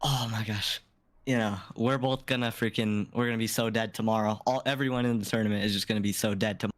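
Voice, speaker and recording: A man's voice: lowish voice, steady tone, quick pace. A man, a tournament player, chatting casually after the matches in a laid-back, slangy, rambling way. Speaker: player and guest commentator. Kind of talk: casual post-match chat.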